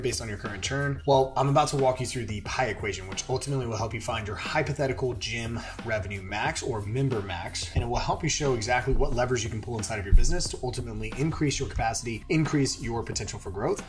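A man in his thirties explaining business math to camera as a coach, in an energetic, persuasive sales-coach manner. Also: medium pitch, fast talker, hardly any pauses, music in the background. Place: small indoor room with tiled wall.

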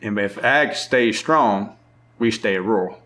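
A middle-aged man with a strong Maryland Eastern Shore accent, a farmer talking casually in an interview with a drawn-out, unhurried way of speaking. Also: on the low side, a bit bright. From lower Eastern Shore of Maryland. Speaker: farmer and market owner.

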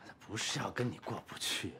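A calm gentle teacher. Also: male voice, sits low, a little fast, breathy edge, full character voice. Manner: soft, coaxing, reasoning. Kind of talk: TV drama acting. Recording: loud music underneath.

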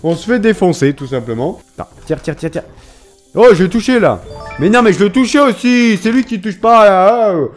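An excitable man doing casual game commentary in a fairly high voice that leaps up and down. He talks in slang, cries out and swears at the screen, and reads the game's instructions aloud. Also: normal speed, soft background music. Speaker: gaming video creator. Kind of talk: casual let's-play commentary.

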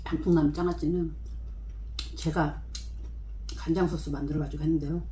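A low, mellow-voiced woman talks while chewing, speaking softly and without hurry about the food in front of her. The room around her sounds echoey, with a faint hiss under the voice. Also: fairly even intonation. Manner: soft, unhurried, describing food between bites. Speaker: mukbang vlogger. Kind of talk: casual eating vlog.

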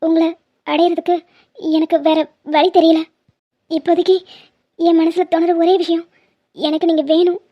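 Cartoon role: woman playing a scheming, lovesick young woman, very high voice, dull sound. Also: little pitch movement, moderate pace, long pauses. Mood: pleading. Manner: pleading, insistent.

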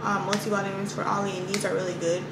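Talking very fast in a mid-range voice with little pitch movement, a woman in her twenties vlogs casually for her viewers. The scenes are indoors, in a parked car and a room at home, and the camera audio, from arm's length or propped nearby, is noisy.

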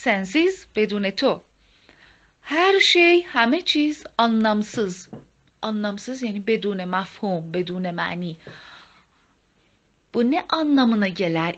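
A woman teaching the words of a song, reading each line slowly and then explaining it quickly. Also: a little high, a bit bright. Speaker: language teacher. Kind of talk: Turkish song lesson explained in Persian. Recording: dull lo-fi sound.

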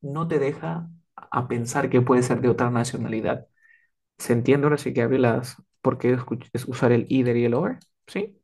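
A man with a middle-pitched voice explains grammar to a live class. He is patient and checks often that students follow. He acts out small example dialogues. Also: normal speed, creaky, darkish tone. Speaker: English teacher.

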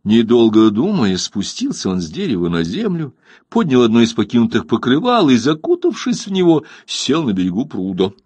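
A man narrating a classic short story as an audiobook in an animated storytelling manner. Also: mid-range voice, normal speed, slightly rough, no echo.

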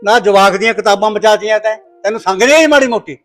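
A stern, wronged father in a village family drama, played by a man, scolding and moralizing with old sayings. His voice sits fairly high for a man. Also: fast talker, a bit bright. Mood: reproachful. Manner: scolding, preaching proverbs. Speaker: actor in a short film.

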